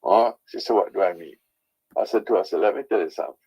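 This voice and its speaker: A man's voice: sits low, rapid-fire, a little mellow, breathy edge. A man calling in to a talk show, heated and insistent, repeatedly pressing "right?" over a lo-fi line.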